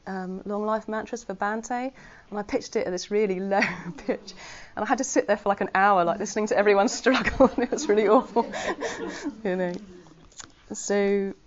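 In a slightly muffled recording, a woman with a mid-range voice talks at normal speed during an informal Dharma talk for her Buddhist community. She comes across as earnest and conversational, with humour at her own expense.

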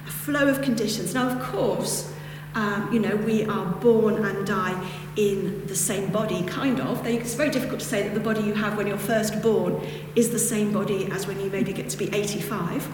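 A woman with a northern English accent speaks at a medium pitch and moderate pace, offering a reflective Buddhist teaching that wanders through casual asides. It's a dharma talk to a group in a hall with a lectern. The recording is echoey, with a distant mic and background noise.

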